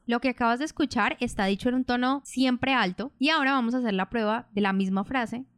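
Clear-voiced woman teaching calmly. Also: on the high side, no echo, studio quality. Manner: calm, measured, explanatory. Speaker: podcast host and public-speaking coach. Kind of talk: instructional podcast narration.

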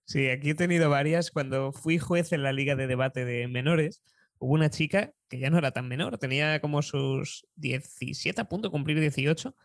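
Young man from Spain, Spanish accent, lively anecdotal storyteller, dry recording. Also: on the high side, normal speed, gravelly, no room sound. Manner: lively storyteller, chuckles often. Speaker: public speaking coach.

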